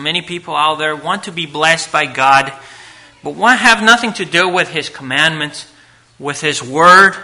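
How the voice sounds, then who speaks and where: Guy preaching at a pulpit mic, real slow and deliberate, earnest, goes loud then hushed. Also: fairly high pitch. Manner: earnest, reads scripture aloud, swings between loud emphasis and hushed asides. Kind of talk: sermon to a live congregation.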